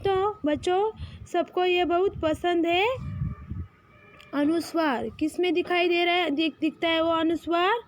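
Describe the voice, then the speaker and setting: Woman teacher, Marathi native, very high voice, slow patient drills of letters for kids. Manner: slow, drawn-out, patient, calls out letters for repetition. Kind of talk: children's Hindi alphabet lesson.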